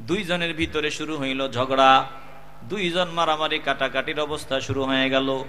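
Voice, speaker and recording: A man preaching a waz sermon, swinging between loud calls and low chanting. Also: steady tone, normal speed.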